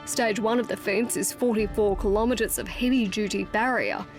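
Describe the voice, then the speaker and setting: A woman's voice: medium pitch, normal speed. An Australian woman narrating a scripted television news feature as a reporter. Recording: music under the voice. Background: music.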